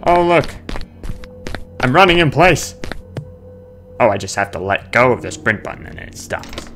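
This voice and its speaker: A man plays a horror video game over game music, offering casual, playful commentary, chatting, muttering to himself, singing nonsense sounds, and reading on-screen notes aloud. His mid-range voice is gravelly and fairly bright, with a measured pace and big pitch swings.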